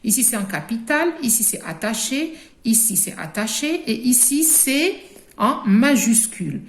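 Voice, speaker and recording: A slow, deliberate woman with an Algerian French accent teaches a class of young children, stretching each word so they can repeat it. Her voice sits a little high. The room gives it a clear echo. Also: lively intonation. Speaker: primary school teacher. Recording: echoey room.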